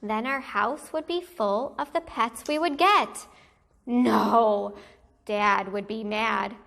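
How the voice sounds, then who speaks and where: A woman teacher with a fairly high, gravelly voice reads a children's picture book aloud. Her storytelling is animated and deliberate, aimed at young listeners.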